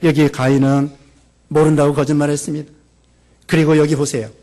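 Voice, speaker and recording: A male pastor preaches emphatically in a church sanctuary, stacking verbs in long lists and swinging between urgent, high emphasis and quiet, low asides. His delivery is flat and a little fast.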